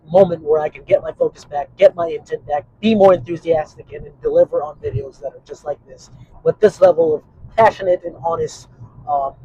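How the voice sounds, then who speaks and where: A man's voice: on the high side, darkish tone, breathy edge, no room sound, muffled recording. A man vlogging in a casual, rambling monologue, swearing often and trailing into fillers. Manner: profane and rambling, with frequent fillers.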